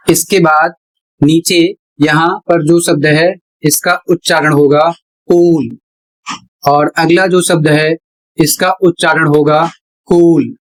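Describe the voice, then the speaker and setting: Slow, deliberate male teacher. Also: on the high side, rough recording. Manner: deliberate, repeats each rule step by step. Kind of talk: slow classroom explanation at a board.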